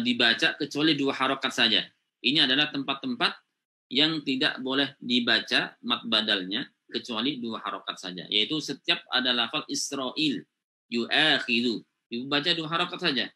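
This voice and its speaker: A man's voice: mid-range voice, sharp tone. A man teaching Quran recitation rules in an online class, explaining step by step with frequent "ya" and "gitu ya" checks.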